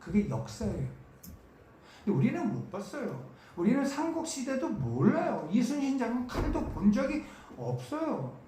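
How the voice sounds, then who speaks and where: Preaching at a church summer camp, this speaker has a medium-pitched, dark-toned voice whose pitch swoops wildly, delivered at normal speed. The sermon stresses and repeats key words and poses questions to listeners. The large church hall is very echoey, with faint noise.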